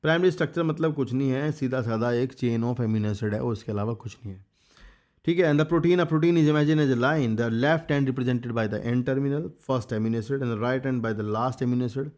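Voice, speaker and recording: A man's voice: medium pitch, measured pace, darkish tone. A man giving a casual exam revision biology lecture, reading textbook lines in English and explaining them in Hindi, urging students to remember key points. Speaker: biology teacher.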